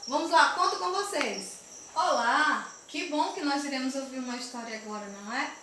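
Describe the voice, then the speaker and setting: A Brazilian woman teaching a Bible lesson to children in an animated sing-song manner, recorded in an echoey room from a distance. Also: sits high, normal speed. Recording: echoey room, distant mic, faint noise.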